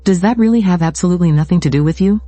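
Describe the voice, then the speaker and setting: A man narrates a story recap in a mellow, dark-toned voice, keeping an even, steady delivery across every part. The sound is close and dry, with soft music underneath. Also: high-pitched, very fast, dry recording.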